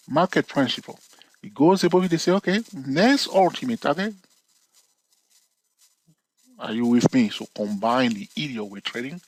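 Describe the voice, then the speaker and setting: In a rough recording, a husky man teaches a relaxed screen-share lesson on trading charts. Talking straight to viewers, he keeps asking "okay?" and "all right?", teasing them playfully and pushing his pitch up abruptly to stress points.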